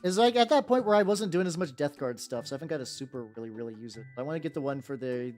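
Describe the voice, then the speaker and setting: While painting miniatures on stream, this speaker talks in rapid-fire bursts, medium in pitch with a darkish tone and lively intonation. The chat is casual and irreverent, peppered with free swearing, stammers and repeated words, with music in the background.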